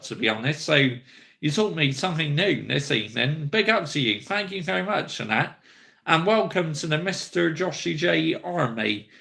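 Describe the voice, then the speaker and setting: A man in his thirties hosting a football live stream, chatting casually with viewers in an upbeat way and giving repeated shout-outs. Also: on the high side, gravelly. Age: 30s.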